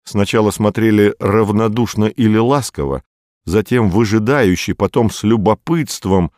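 A man narrating a novel as an audiobook in a measured, even way. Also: fairly low pitch, dry recording, studio quality.

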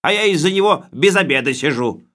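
A man voicing a boastful, bossy male bureaucrat in an audiobook, with a loud, hectoring voice. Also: fairly high pitch, expressive, fairly quick, voice pushed up. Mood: blustering. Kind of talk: audiobook character voice.

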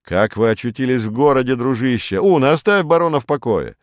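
A man voicing a composed, weary nobleman who speaks in a quiet, low, restrained way, in a storybook reading. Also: lively intonation, a little fast, dry recording, clean studio sound, close to an everyday voice. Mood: restrained friendly.

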